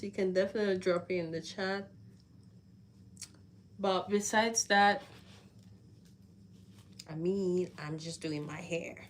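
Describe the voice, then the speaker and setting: A young woman from Cameroon chatting casually with viewers on a live stream. She is easygoing and laughs often. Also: medium pitch. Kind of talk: casual livestream chat to viewers.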